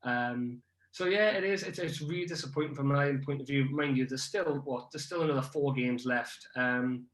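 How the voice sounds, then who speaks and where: In an echoey room, a young man talks about rugby in a relaxed podcast chat where he's the guest. His mid-range voice is fairly bright and fairly quick. He sounds hesitant, stumbling through many ums and restarts.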